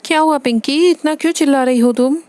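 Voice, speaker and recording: A woman's voice: sits high, fast talker, a little mellow, dry recording, lightly acted. A woman voicing a fussy, worried mother doll who frets and scolds in a storybook tale. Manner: fretful, scolding. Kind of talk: Hindi doll story voice-acting.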